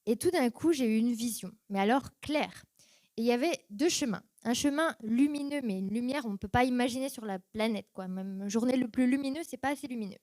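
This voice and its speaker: A woman's voice: fairly high pitch, fairly quick, a little mellow, no echo. A young woman giving a personal church testimony, telling her story casually and acting out her past reactions in quoted voices.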